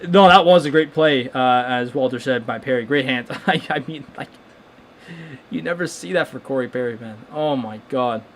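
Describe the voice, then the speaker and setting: A young man hosting a live hockey watchalong, reacting casually and excitedly with lots of restarts and stunned exclamations. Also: medium pitch, normal speed, a little hiss or hum. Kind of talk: casual live game commentary.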